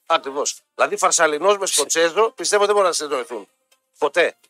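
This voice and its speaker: Ένας άντρας, συμπαρουσιαστής ραδιοφωνικής εκπομπής, που λέει ζωηρά αστεία περιστατικά και μιμείται χαρακτήρες σε χαλαρή κουβέντα. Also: male voice, a little high, soft background music. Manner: lively teller who mimics characters, laughs often. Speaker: radio show co-host. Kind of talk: casual joking banter.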